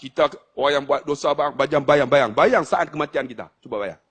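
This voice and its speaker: A lively preacher with a northern Malaysian Malay accent and a fairly high voice. He teases the congregation in loud bursts, then sinks into quiet, solemn storytelling. His sermon delivery is highly animated. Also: brisk, breathy edge. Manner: animated, swings between loud teasing and low hushed storytelling.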